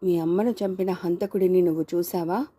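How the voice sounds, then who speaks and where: A male public prosecutor, read by a woman in her own voice, questions a witness briskly and then coaxes him. The voice is low and mellow, in a dry storybook reading. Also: fairly even intonation, husky, no echo. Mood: questioning.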